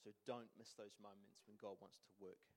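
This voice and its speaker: A man's voice: on the low side, flat delivery, normal speed, vocal fry, a little mellow. A young man with a New Zealand accent giving an informal sermon in a casual, hesitant, self-deprecating way. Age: young adult. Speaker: church speaker giving a sermon.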